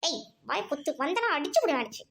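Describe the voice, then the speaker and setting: A woman's voice: high voice, sing-song, fast talker, creaky, a bit bright, full character voice. A woman playing a strict mother who scolds and threatens her children in a comedy skit. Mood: scolding.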